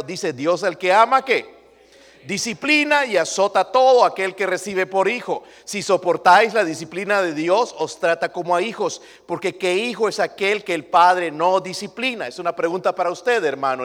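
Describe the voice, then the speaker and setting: A man's voice: high voice, animated, normal speed, a bit bright, big-room sound. A male pastor preaching a sermon emphatically, throwing rhetorical questions at his congregation.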